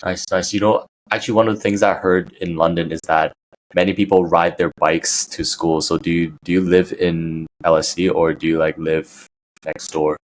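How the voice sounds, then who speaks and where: Male podcast host, very deep voice, chatty, filler-heavy questions. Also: little pitch movement, normal speed, poor audio. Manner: chatty, leans on "you know" fillers. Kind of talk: casual interview.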